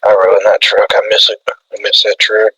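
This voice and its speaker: A man playing a paranoid redneck radio host with a folksy drawl, deadpan and repetitive, in a husky voice. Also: lowish voice, moderate pace, exaggerated voice, low-quality recording. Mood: mournful. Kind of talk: improvised comedy radio role-play.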